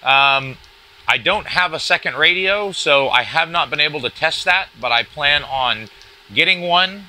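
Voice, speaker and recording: A man giving a casual, hands-on product review in a halting, informal walk-through style. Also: medium pitch, pushed and bright, low-quality recording. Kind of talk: casual hands-on gadget demonstration. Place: indoors at a cluttered wooden desk.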